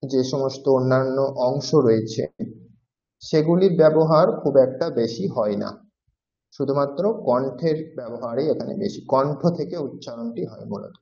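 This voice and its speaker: A man's voice: mid-range voice, normal speed, vocal fry, mellow. A man teaching a language class, patiently explaining and repeating each sound several times to demonstrate it. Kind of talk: classroom lecture. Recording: roomy, dull-sounding audio.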